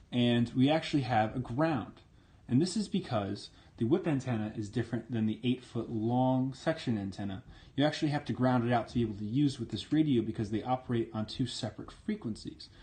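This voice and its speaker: Vintage military radio equipment is the subject of this man's informal, hands-on demo. He explains it step by step in a plainspoken manner, his medium-pitched voice a little mellow.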